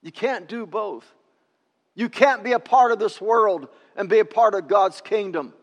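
A male pastor preaching a sermon, emphatic, swinging between loud declarations and hushed appeals, in a church sanctuary. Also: high-pitched, a little slow, in a large hall, muffled recording.

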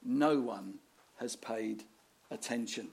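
A man's voice: fairly low pitch, slow, creaky, darkish tone. A man preaching a sermon, telling the story with rhetorical questions and dramatic readings of scripture.

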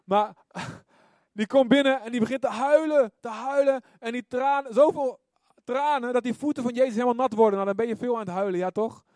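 High-voiced man preaching with lively energy. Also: fairly quick, no room sound, clean studio sound. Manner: lively, often asks "ja toch?" and calls "amen". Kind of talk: sermon.

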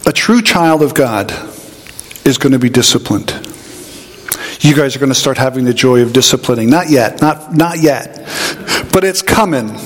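A man preaching a sermon, an animated storyteller who acts out voices in his anecdotes. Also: medium pitch, moderate pace, long pauses. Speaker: pastor. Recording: hall reverb.

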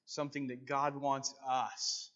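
A man's voice: mid-range voice, little pitch movement, a little slow, fairly bright tone. A man preaching and praying earnestly as a pastor, speaking into a pulpit microphone in church. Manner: earnest, devout, with repeated praise phrases. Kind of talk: sermon and extemporaneous prayer. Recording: dull, band-limited church sound recording.

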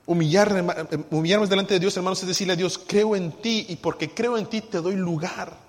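A man with a notably high voice preaches in a church, firing rhetorical questions at his congregation. He moves from quiet asides to loud, emphatic declarations. His words ring out with a long echo through the sanctuary. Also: fairly even intonation, a little fast. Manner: swings between hushed asides and loud emphatic lines. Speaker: pastor. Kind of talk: sermon. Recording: long hall reverb.

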